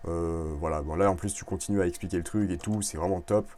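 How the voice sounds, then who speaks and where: A man casually reviewing clothing brands over a screen recording, chatty and relaxed, with many fillers and restarts. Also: low voice, fast talker, a little hiss or hum.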